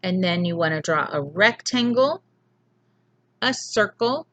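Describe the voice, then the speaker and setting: A woman teacher talks young children through a phonics lesson, sounding out each letter slowly and clearly. Her pace is unhurried and patient, her pitch sits in an ordinary middle range, and the recording is dry and close with no room echo. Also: expressive, fairly bright tone, highs cut off.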